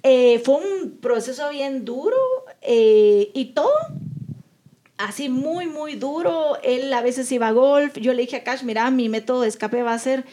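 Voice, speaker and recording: A woman's voice: high voice, measured pace, mellow. A young adult woman, co-hosting a podcast in casual chat and earnestly telling a personal story while acting out what her relatives said. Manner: earnest, acts out quoted relatives. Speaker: podcast co-host.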